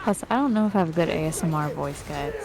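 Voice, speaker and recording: Lowish-voiced girl streamer giggling and cussing over loud game music. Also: lively intonation, fast, low-quality recording. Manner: giggly, swears freely, lots of fillers. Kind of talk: casual chat while gaming.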